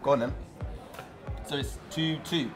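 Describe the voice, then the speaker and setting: A young man co-hosts a casual football show with excitable, teasing energy. His voice sits slightly high. Music plays clearly behind him. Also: a little slow. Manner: excitable, playful banter. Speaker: co-host.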